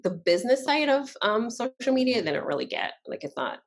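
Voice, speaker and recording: A woman's voice: a little high, sing-song, fairly quick. A woman from Barbados, a podcast guest, chatting casually and laughing often as she acts out quoted lines. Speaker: podcast guest, social media strategist. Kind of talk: casual interview chat.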